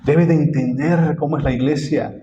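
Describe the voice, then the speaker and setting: A man's voice: on the high side, fairly even intonation, moderate pace, mellow, muffled recording, a little hiss or hum. A man preaching a sermon as pastor, often stopping to quiz the congregation with repeated questions.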